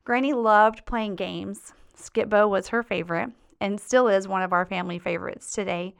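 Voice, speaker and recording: A woman's voice: medium pitch, moderate pace, creaky, clean tone. A woman hosting a podcast as a life coach, sharing heartfelt, faith-filled memories in a casual monologue.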